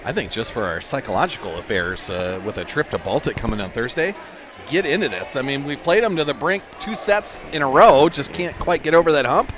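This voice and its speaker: A man doing play-by-play for a high school volleyball match, shouting over the big plays. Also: expressive, fairly quick. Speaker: play-by-play commentator.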